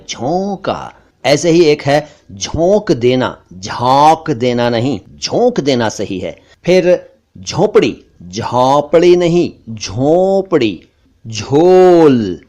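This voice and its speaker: Slow, deliberate male pronunciation teacher. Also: a little high, a little mellow. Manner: slow, deliberate word-by-word drilling, contrasting wrong and right forms. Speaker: language teacher. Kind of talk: pronunciation lesson.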